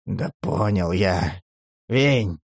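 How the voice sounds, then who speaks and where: A man voicing a wary, bewildered homeless man in a horror audiobook, speaking in a low, subdued, hesitant way. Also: lively intonation, extremely slow, vocal fry, no echo, clean studio sound, exaggerated voice.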